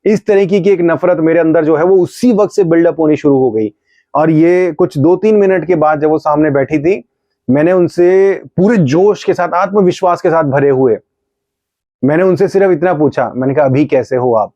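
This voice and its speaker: A middle-aged male pastor preaching a testimony with fervent, storytelling energy, voice pitched a touch high. His tone is mellow rather than bright. The recording is slightly dull and dry, with no room around it. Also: moderate pace, no room sound. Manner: fervent storytelling, acts out his own rebukes. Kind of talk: testimony sermon.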